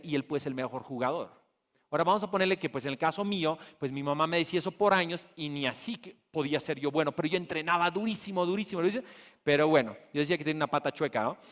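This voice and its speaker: A man from Bolivia giving a motivational keynote talk at a business conference, telling stories and putting rhetorical questions to the audience. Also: fairly high pitch. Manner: lively storytelling, addressing the audience with rhetorical questions. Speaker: conference speaker. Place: conference hall.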